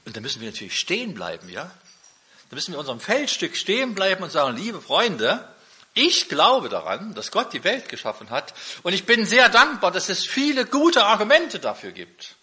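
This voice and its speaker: A man's voice: high-pitched, wildly swooping pitch, brisk, bright, forceful tone. A middle-aged man preaching a sermon, emphatic, with repeated rhetorical questions.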